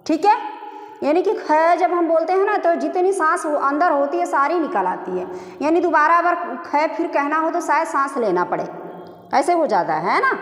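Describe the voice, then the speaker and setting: A woman's voice: very high voice, expressive, a bit bright. A middle-aged woman teaching a Hindi grammar lesson, asking and answering her own questions and stretching out sounds to show them. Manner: drawn-out demonstration vowel sounds. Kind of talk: classroom-style lesson. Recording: echoey room reverb.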